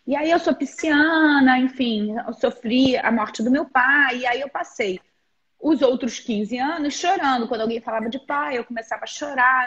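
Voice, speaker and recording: Husky Brazilian woman, earnest and halting. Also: high voice, lo-fi sound. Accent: Brazilian Portuguese. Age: 40s. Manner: earnest, halting, with many restarts and quoted inner speech. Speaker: guest therapist and teacher of energetic alignment. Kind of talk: live-stream interview, reflective explaining.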